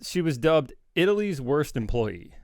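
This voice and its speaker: A man's voice: fairly high pitch, sing-song, normal speed, darkish tone, dry recording, studio quality. A man co-hosting a podcast in casual chat, joking and chuckling between remarks. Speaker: podcast co-host.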